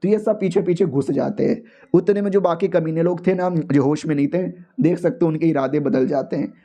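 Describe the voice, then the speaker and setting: Male storyteller, high and mellow, casual slangy recap. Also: brisk. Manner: slangy, playful, switches into character voices. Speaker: narrator.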